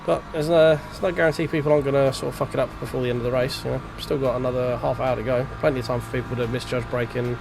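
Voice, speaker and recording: A man streams a racing game, chatting casually to himself and his chat while driving, sounding congested and blocked up in the nose. His medium-pitched voice is steady and fast with vocal fry and few pauses, over background noise of game music and car engines.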